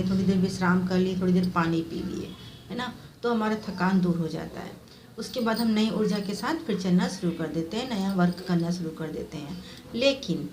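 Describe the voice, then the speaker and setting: A woman teacher walks young pupils through a grammar lesson, patient and repetitive, slowing down to read out each example. Her voice sits at an ordinary middle pitch. A faint hiss of background noise runs under the recording. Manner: patient explaining, repeats and reads out examples slowly. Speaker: primary school Hindi teacher. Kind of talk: classroom lesson explaining grammar to children.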